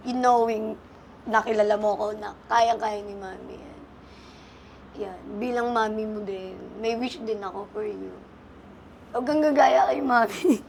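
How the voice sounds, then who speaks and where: A woman's voice: mid-range voice, fairly even intonation, a little slow, vocal fry, darkish tone, a little hiss or hum. A young adult woman speaking earnestly as a guest on a talk show, mixing English into Tagalog. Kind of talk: emotional interview talk.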